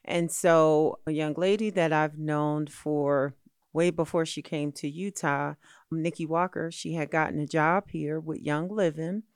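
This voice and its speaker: A middle-aged woman, a magazine founder being interviewed, telling her story in a lively, expressive way. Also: low-pitched, clear, resonant tone, no room sound, clean studio sound. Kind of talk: animated storytelling in a conversational interview.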